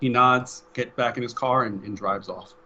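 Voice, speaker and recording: A man's voice: mid-range voice, steady tone, moderate pace, pushed and bright, lo-fi sound. A man narrating as game master in a loose, rambling, profane way over a voice call. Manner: loose, rambling, swears, laughs often.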